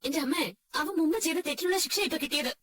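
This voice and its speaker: A woman voicing a high, quick caring elder sister. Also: fairly bright tone, slight background noise. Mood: urgent. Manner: soothing yet urgent. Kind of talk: fan-dubbed drama.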